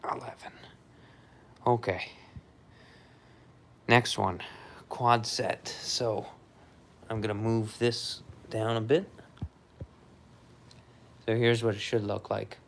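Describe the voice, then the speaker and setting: A man casually talking through an exercise demonstration and counting out repetitions in a low-key, often murmured way. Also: little pitch movement, slow, vocal fry, long pauses, slight background noise. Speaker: vlogger recovering from surgery, demonstrating exercises.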